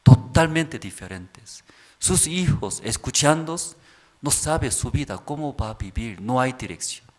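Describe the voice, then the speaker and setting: Male pastor, sermon delivery, halting plain phrasing, rhetorical questions, mid-pitched voice. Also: expressive.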